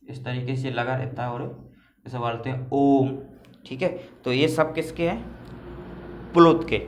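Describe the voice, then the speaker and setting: A man's voice: medium pitch, echoey room, slight background noise. A male teacher giving a classroom lecture, explaining step by step and answering his own questions.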